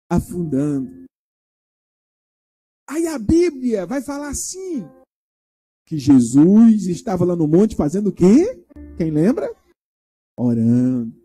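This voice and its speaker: A man's voice: sits high, breathy edge. A male pastor giving a children's sermon in a church, retelling a story and asking the children questions as he goes. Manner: animated, asks the children questions.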